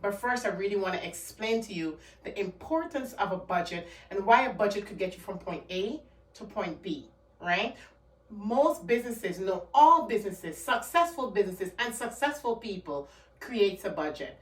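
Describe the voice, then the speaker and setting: The channel host, a woman from Guyana with a Guyanese accent, talks casually to camera about money, earnest and emphatic and repeating herself. She has a medium pitch, lively intonation and normal speed, and sounds far from the mic in an echoey room.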